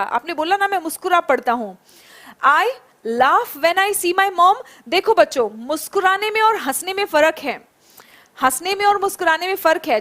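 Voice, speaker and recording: High-pitched woman teacher running an online english class, cheers students on, repeats phrases slowly. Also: fairly bright tone. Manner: encouraging, calls students by name and praises them. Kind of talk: live online class, reading out student answers.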